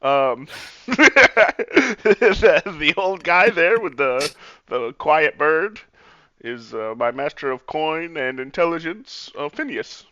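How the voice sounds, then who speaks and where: Animated, bright-voiced man, slightly muffled. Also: on the high side, slow pace, no room sound. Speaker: player in a tabletop game. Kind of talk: casual game chat and role-play.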